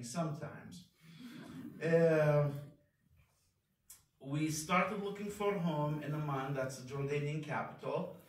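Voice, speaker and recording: A man in his fifties, raised in Kuwait, giving a candid, self-deprecating personal testimony at a chapel pulpit. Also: on the high side. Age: 50s. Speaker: devotional speaker. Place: large chapel, speaking at a wooden pulpit. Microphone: far camera phone in the congregation. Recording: very echoey hall, voice from far off.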